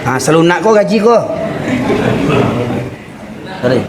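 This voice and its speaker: A man's voice: sits high, expressive, a little slow, over a noisy crowd. A man preaching a heated sermon with a Minangkabau accent, often raising his voice. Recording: echoey hall with background noise.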